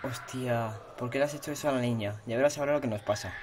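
A man with a Spain Spanish accent giving horror let's-play commentary, repeating himself and yelling and swearing at the game. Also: mid-range voice, fast talker, noisy background. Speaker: gaming channel host.

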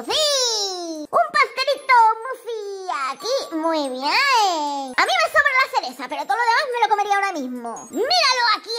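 A woman giving playful commentary on a mobile drawing game, cooing sympathetically at the characters. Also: very high voice. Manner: animated, coos sympathetically at drawn characters. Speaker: gaming channel host. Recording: light children's music behind.

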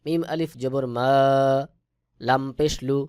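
A man teaching Quran reading in a lesson, spelling out letters step by step and chanting the words slowly and patiently. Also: mid-range voice, steady tone, darkish tone, clear, resonant tone, no echo, studio quality. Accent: Bangladeshi Bengali. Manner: slow, patient, drawn-out chanted recitation.

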